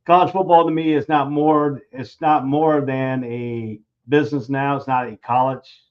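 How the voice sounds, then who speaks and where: A man's voice: medium pitch, fairly even intonation, normal speed. Guest analyst, man, loose talker, muffled lo-fi sound. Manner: loose, repeats and restarts phrases. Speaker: guest sports commentator. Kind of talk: casual sports analysis. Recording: dull lo-fi audio.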